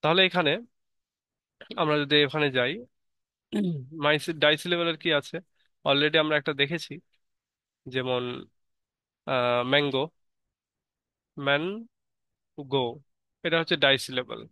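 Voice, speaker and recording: Man, patient grammar teacher; slightly high, dry close sound, spells words out. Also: steady tone, normal speed, long pauses, bright, forceful tone, smooth, dry recording. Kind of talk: explanatory lesson.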